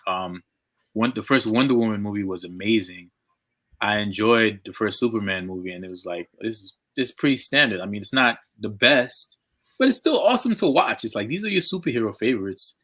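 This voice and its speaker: Bright, gushing man in casual chat. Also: fairly low pitch. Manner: excitable, gushing, quick laughs. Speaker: diorama artist on a live panel.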